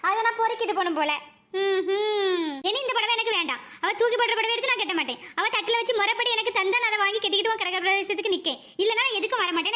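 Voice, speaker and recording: A woman's voice: very high-pitched, sharp tone. A woman voicing a proud, indignant older sister. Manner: indignant, wounded scolding.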